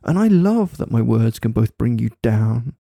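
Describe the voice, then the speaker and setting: A man speaking softly and intimately right in the listener's ear, delivering a coaxing, teasing hypnosis ASMR monologue full of praise, close to the microphone. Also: mid-range voice, sing-song, moderate pace, creaky, dry recording. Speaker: hypnosis audio performer. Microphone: close microphone, dry sound.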